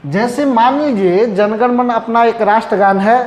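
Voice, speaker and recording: A male teacher giving a classroom lecture, asking questions and answering them himself, and repeating definitions slowly as he writes. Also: very high-pitched. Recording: echoey room with faint noise.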